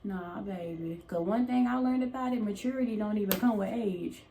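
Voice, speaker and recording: A woman's voice: medium pitch, a little fast, warm tone. A woman talks straight to her viewers in a casual motivational vlog, folksy and preachy, with a mid-range voice. She calls everyone baby and y'all. The room sounds echoey, with a faint hiss underneath. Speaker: motivational vlogger. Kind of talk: casual motivational talk to camera.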